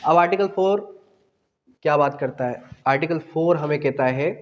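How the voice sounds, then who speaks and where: In a hall with long, echoing reverb, this lecturer speaks at a normal speed in a fairly high voice, and the audio sounds dull. He's a Pakistani man teaching law for exam preparation, sprinkling in English legal terms. He repeats phrases and poses questions only to answer them himself.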